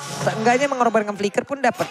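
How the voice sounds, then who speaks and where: A man calls a match as an esports caster, in a very high-pitched voice. His play-by-play is rapid, excited and emphatic, with music playing behind him. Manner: excited, emphatic, repeats phrases. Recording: loud game music behind voice. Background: game music.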